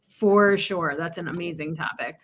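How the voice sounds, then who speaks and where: A woman's voice: lowish voice, moderate pace. A woman co-hosting a live-stream podcast, reading out listener topic ideas and chatting with many ums and frequent laughs. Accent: General American, New York accent lost. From New York. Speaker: podcast co-host.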